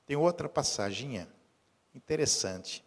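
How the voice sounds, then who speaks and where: A man preaching a sermon as pastor. He moves from quiet storytelling to loud, urgent exhortation. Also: mid-range voice, expressive, measured pace. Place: church. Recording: long hall reverb.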